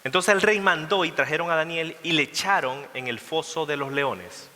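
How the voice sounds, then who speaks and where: A male pastor preaching a sermon, retelling a scripture story in a lively way and asking the congregation questions. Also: a little high, normal speed. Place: church sanctuary. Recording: long church reverb.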